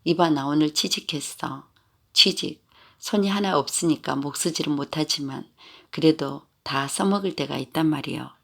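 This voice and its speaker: A man voicing a drunk, blustering, one-armed middle-aged father who scolds loudly in Gyeongsang dialect. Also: on the high side, moderate pace, creaky, exaggerated voice. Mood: bragging. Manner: loud scolding, slurred boasting.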